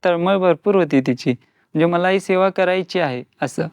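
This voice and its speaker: A man's voice: high-pitched, normal speed, a little mellow, clear, resonant tone, no room sound. A young man recounting family memories in a plain, matter-of-fact way as an interviewee. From Khanapur, Belgaum, India.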